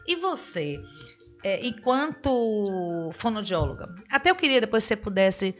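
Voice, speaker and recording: Measured Brazilian woman host, muffled sound. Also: mid-range voice, big pitch swings, soft background music. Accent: Brazilian Portuguese. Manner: slow, measured questioning. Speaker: radio show host. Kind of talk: interview questions. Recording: dull lo-fi broadcast audio.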